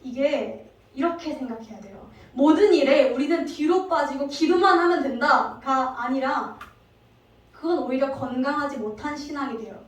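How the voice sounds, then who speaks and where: High-voiced woman preaching in an echoey church. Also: moderate pace. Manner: lively storytelling with many rhetorical questions. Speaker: evangelist preacher. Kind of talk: sermon. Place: church sanctuary. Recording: very echoey hall, distant mic.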